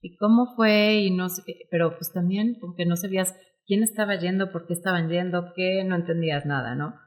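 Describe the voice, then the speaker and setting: A woman in her forties with a Mexican Spanish accent, a guest telling her story in an interview, animated and acting out quoted dialogue. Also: lowish voice, brisk. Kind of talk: emotional personal storytelling interview.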